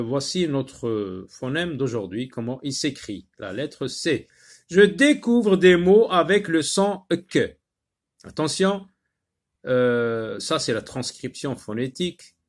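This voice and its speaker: Patiently and repetitively, a man teaches young learners a phonics lesson, breaking words into syllables and using lots of filler sounds. His voice sits in the mid range.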